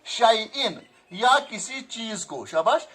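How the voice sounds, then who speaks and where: A male teacher giving a classroom grammar lesson, slowly repeating phrases and quizzing his students. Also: high-pitched, sing-song, a bit bright. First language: Kashmiri.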